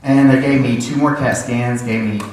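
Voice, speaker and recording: A man telling his testimony in church, animated, acting out the dialogue as he tells his story. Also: medium pitch, moderate pace, slight background noise. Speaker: church member giving a testimony. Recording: echoey church hall, voice heard from a distance.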